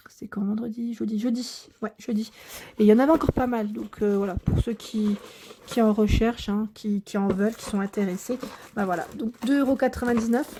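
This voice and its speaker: A woman's voice: a little high, fairly even intonation, brisk, mellow. A young woman with a daughter chatting casually through a shopping haul, hesitant and full of fillers. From France.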